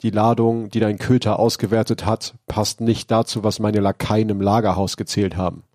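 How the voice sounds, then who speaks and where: A man reading aloud as a gruff, scheming male crime boss who snarls his demands. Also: lowish voice, level tone, normal speed, darkish tone, dry recording, clean studio sound, lightly acted. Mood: angry.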